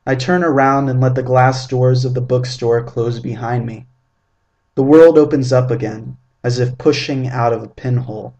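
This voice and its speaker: A man in his twenties reading his own first-person story aloud in a measured, vivid, descriptive way. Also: medium pitch, fairly even intonation, darkish tone. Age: 20s.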